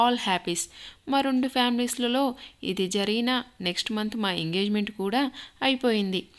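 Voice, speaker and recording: A woman narrating a romantic audio story in a soft, emotive storytelling manner. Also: medium pitch.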